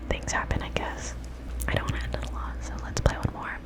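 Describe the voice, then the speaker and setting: A young woman whispering casual, rambling, self-deprecating ASMR commentary as she plays a video game, with whistling s sounds. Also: brisk. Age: young adult.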